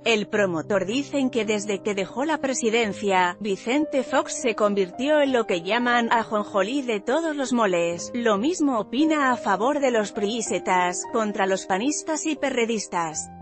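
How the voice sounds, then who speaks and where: A woman's voice: on the high side, animated, unhurried, hardly any pauses. Woman reading wry news voice-over. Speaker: news narrator. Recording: faint music bed behind.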